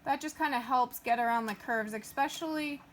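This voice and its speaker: A woman's voice: on the high side, moderate pace, a bit bright, a little hiss or hum. A woman hosting a casual sewing tutorial, chatting and using lots of fillers as she talks through each step while she works. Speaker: craft tutorial host.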